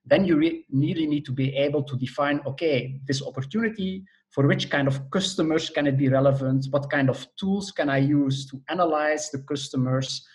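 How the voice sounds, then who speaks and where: This interview features a middle-aged Belgian entrepreneurship professor whose fairly high voice moves at a moderate pace with few pauses. Even so, he hesitates frequently as he thoughtfully explains his points one step at a time.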